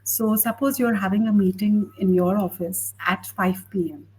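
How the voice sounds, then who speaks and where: Husky woman giving English-speaking tips. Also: medium pitch, fairly even intonation, darkish tone, rough recording. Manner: measured, explanatory, gives advice. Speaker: English tutor. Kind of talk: teaching conversation.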